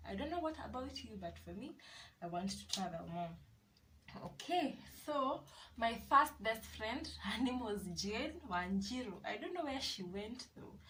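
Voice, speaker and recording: A woman's voice: fairly high pitch, lively intonation, a little slow, a bit bright, distant mic, slight background noise, low-quality recording. A woman in her twenties from Kenya with a Kenyan accent, chatting casually to camera as a vlogger and repeating herself with lots of yeses. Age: 20s.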